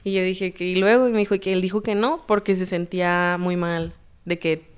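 Mexican woman telling her story on a podcast, smooth voice, acts out everyone's lines. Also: on the low side, normal speed. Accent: Mexican Spanish. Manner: animated, acts out quoted dialogue.

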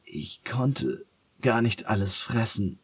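A man voicing a greedy, sly farm cat in a storybook, speaking softly and pleadingly. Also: fairly low pitch, lively intonation, slow, slightly rough, no room sound, pitched above the performer's own voice, exaggerated voice. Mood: contrite. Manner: soft, pleading.

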